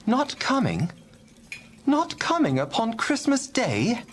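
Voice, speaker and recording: A tender, slow-spoken poor father. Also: very high voice, huge pitch swings, full character voice. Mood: surprised, let down. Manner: tender, halting, tremulous delivery. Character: Bob Cratchit, gentle poor father, tender and earnest. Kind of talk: dramatized audiobook acting. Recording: noticeable background noise.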